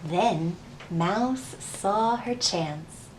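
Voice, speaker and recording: Reading picture books aloud and giving instructions, this children's library storytime host uses a sing-song, questioning delivery. Her pitch is medium and her pace extremely slow. The recording sounds roomy and distant, with a little background noise.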